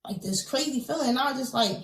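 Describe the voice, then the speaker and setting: A woman's voice: sits high, lively intonation, fast, reverberant, rough recording. A woman, a podcast guest, telling a personal story in earnest detail, acting out what others said and tossing in casual fillers. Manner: earnest, vivid retelling with quoted dialogue and many fillers.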